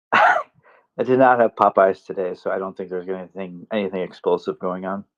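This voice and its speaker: A man's voice: deep voice, moderate pace, a bit bright. A man joking around in casual chat on a live audio call, his connection cutting out so his volume keeps jumping. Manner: joking, mock-indignant banter. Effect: connection cutting out, uneven volume. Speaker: panelist on a live audio talk space. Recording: dull lo-fi online call audio.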